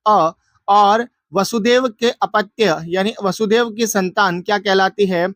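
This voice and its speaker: A man with a high voice goes through exam questions like a teacher. He poses each question aloud and answers it himself, repeating key words to drill them in. The sound is dry and close. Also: slow pace, a bit bright, no room sound. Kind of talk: exam answer walkthrough lesson.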